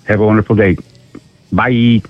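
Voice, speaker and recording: A man's voice: fairly low pitch, fairly even intonation, normal speed, highs cut off, soft background music. A man's recorded answering machine greeting, played back over a phone speaker. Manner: friendly recorded voicemail greeting.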